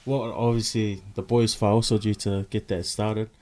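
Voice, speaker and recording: A man's voice: lowish voice, little pitch movement, moderate pace, dark tone. A man with a broad Kiwi New Zealand accent hosting a casual chat in a slangy, teasing, matey way. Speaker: podcast host.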